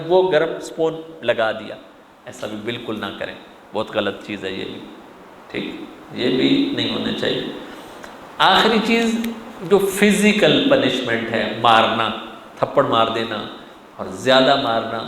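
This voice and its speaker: A man's voice: mid-range voice, fairly bright tone. A man giving a sermon-style parenting lecture, talking animatedly and putting frequent questions to his audience. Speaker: religious lecturer. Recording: echoey hall with faint room noise.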